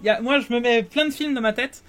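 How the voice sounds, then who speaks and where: A man co-hosting a casual tech news show, talking in an animated, questioning way with many fillers. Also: extremely high pitch, quick pace.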